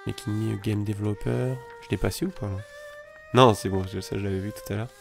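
A man hosting a calm let's play, reading in-game messages aloud and musing on them in a chatty way. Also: on the low side, fairly quick, vocal fry, over music. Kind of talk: calm gameplay commentary.

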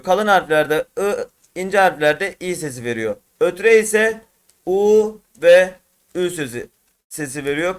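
A man with a high voice gives a patient online reading lesson. He explains as he draws on the screen, repeats each point and calls out single vowel sounds one after another for the viewers to copy. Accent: Turkish. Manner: repetitive, drills single sounds aloud and calls viewers friends. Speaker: Quran reading teacher.

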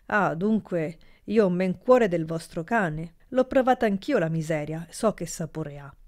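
A woman's voice: lowish voice, expressive, a little slow, darkish tone. A woman voicing a stern middle-aged uncle who speaks firmly in a storybook reading. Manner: firm, stern.

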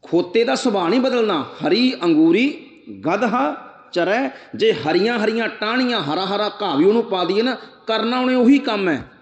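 A man giving a sermon, explaining scripture line by line, asking rhetorical questions, reciting verse slowly and speaking straight to his listeners. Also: sits high, lively intonation. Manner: addresses listeners directly. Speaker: preacher. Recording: echoey hall, dull lo-fi sound.

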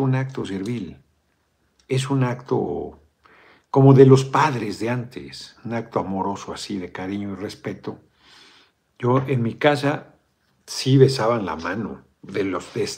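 A middle-aged man with a Mexican accent holds forth in a casual video chat, his voice carrying a gravelly edge. He speaks bluntly, drops swear words without a second thought, and keeps wandering into digressions before coming back to his point. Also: lowish voice, darkish tone. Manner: blunt, swears freely, digresses and corrects himself. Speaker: politician hosting a video chat. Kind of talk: casual political commentary.

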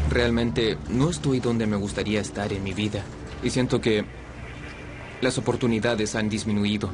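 A man speaking candidly as a participant in a dubbed survival reality show, a little self-deprecating. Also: lowish voice.

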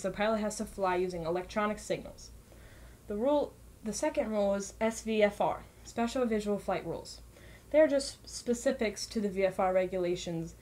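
In a mellow, mid-range voice, a woman reads scripted documentary narration aloud. Her delivery is plain and informational, with the occasional stumble over a word.

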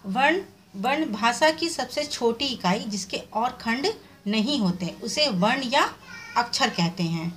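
A woman's voice: a little high, expressive, unhurried, fairly bright tone, a little hiss or hum. A woman teacher giving a recorded revision lesson, explaining step by step and answering her own questions. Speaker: Hindi teacher.

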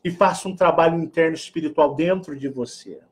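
A middle-aged Brazilian man with a Brazilian Portuguese accent and a higher-than-usual speaking voice. He hosts a casual spiritual talk, joking one moment and earnest the next. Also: a little fast. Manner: animated, joking, swings between mock-posh and earnest. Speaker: spiritual channel host.

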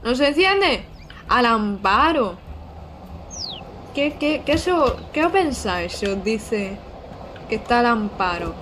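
A young woman talks over her gameplay in a bubbly, chatty way. Her voice sits a touch high. A faint hiss stays in the background. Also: a little slow. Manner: excitable, chatty, with frequent squeals and giggles. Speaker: streamer playing a video game. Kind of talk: casual live-stream gameplay chat.

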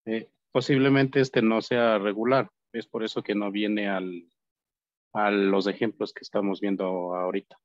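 A man's voice: lowish voice, little pitch movement, unhurried, no echo. A male student asking hesitant questions in an online class, with many fillers. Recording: dull, dry call audio.

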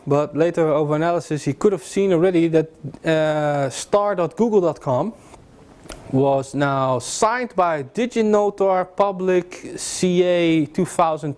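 A young adult man with a slightly high, darkish voice delivers a casual security lecture to a class using slides, joking around with frequent fillers and restarts. A far camera captures him in a classroom with a projector screen.

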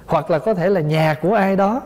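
Vietnamese monk preaching in a reverberant hall. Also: male voice, high-pitched, brisk, darkish tone. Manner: explanatory, asks listeners rhetorical questions. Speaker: Buddhist monk teacher. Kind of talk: dharma talk.

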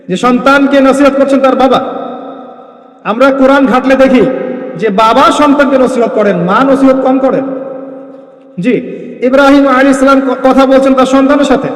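A man preaching a sermon, firing rhetorical questions at his listeners. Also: very high-pitched. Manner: emphatic, rhetorical questions to the crowd. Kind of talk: Bengali Islamic sermon. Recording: echoey hall.

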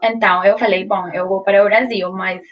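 A young Colombian woman, a native Spanish speaker with a Colombian accent who is learning Portuguese, tells her story as a guest in a casual interview from a small room at home. She speaks fairly quickly with a medium pitch and steady tone, hesitating, restarting often, using many fillers and laughing easily. The sound is lo-fi with slight background noise.

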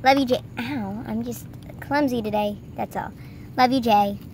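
A woman voicing a gentle, affectionate young female horse in amateur toy role-play. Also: a little high, moderate pace, voice pushed down, close to an everyday voice. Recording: noisy handheld outdoor recording.

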